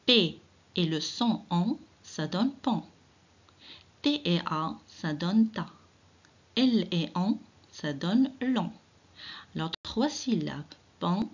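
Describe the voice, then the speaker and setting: A woman teacher giving an early reading lesson, speaking directly to children, encouraging them and sounding out syllables slowly and deliberately. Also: lowish voice, expressive, breathy edge, dull audio. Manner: slow, drawn-out syllable-by-syllable reading. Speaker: primary school teacher.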